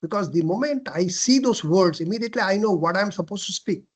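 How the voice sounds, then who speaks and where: A man giving a classroom lecture on presentation skills, asking questions and answering them himself, often clearing his throat and restarting phrases. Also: sits high, lively intonation, fairly quick. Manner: frequent throat clearing and self-corrections.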